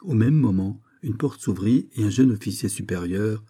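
A man narrating a nineteenth-century short story in a measured storytelling manner. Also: on the low side, expressive, dark tone, husky.

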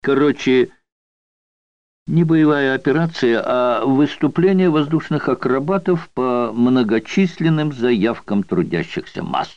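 A male audiobook reader voicing an unhurried, slangy convict storyteller who mocks with coarse barracks slang. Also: mid-range voice, expressive, no echo. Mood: mocking. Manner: coarse barracks slang, mocking yarn-spinning. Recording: dull dry studio recording.

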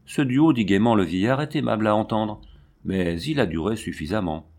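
Kindly elderly uncle, gentle and fond, read by the narrator. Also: male voice, fairly low pitch, normal speed. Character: kindly old uncle of seventy-five.

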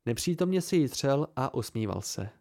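A man reading a novel aloud in the first person with a measured, even delivery, recorded at home close to the mic. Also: mid-range voice, vocal fry. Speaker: amateur audiobook reader. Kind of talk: first-person audiobook narration.

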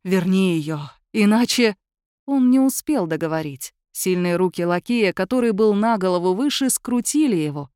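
A woman narrates a story in an expressive manner, her voice at a middle pitch for a woman. The sound is dry and close, with no room around it. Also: normal speed, hardly any pauses, clean tone, dry recording. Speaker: audiobook narrator. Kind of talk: scripted narration.

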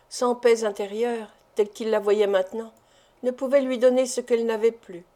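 A woman's voice: a little high, warm tone. Woman reading a classic novel. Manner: measured, deliberate literary reading. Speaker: audiobook reader. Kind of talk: scripted narration of a classic novel.

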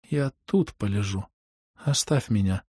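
Man voicing a young woman, shrill, high, loud, taunting, audiobook, dry sound. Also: very animated, moderate pace, husky, no room sound. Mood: weak quiet. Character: furious young woman, wild and desperate. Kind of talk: audiobook reading.

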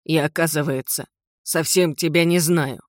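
A woman's voice: low voice, steady tone, normal speed, no room sound, lightly acted. A woman reading an audiobook, voicing a distraught middle-aged father who snaps bitter accusations, close and dry. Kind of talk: audiobook character voice.

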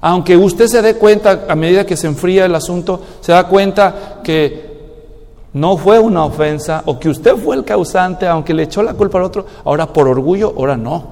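A man preaching with a high voice that fills a church hall with long reverb. He talks animatedly as a pastor, slipping into quoted voices to act out little scenes. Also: moderate pace, a little mellow. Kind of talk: sermon.

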